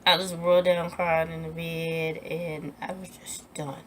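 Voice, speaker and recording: Young woman vlogger, storytime: animated, emphatic, acts out the dialogue. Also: low-pitched, measured pace, a little hiss or hum. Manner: animated, acts out quoted lines in a raised voice; emphatic, repeats herself when upset. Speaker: vlogger telling a personal story. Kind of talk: storytime vlog.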